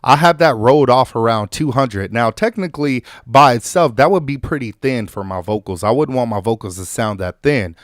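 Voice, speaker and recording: A man hosting a music production tutorial in a loose, conversational way, full of fillers and restarts, his voice still a little hoarse from an illness. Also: mid-range voice, expressive, moderate pace, few pauses, dry recording, clean studio sound. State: recovering from illness, slightly hoarse. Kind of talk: casual on-screen tutorial.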